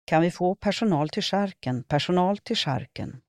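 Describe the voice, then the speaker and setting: A woman's voice: lowish voice, animated, darkish tone, no room sound, clean studio sound, voice pushed up, lightly acted. A woman reading a humorous column, voicing a frightened male shop manager calling out over a store microphone. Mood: panicky. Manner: announcing, panicky.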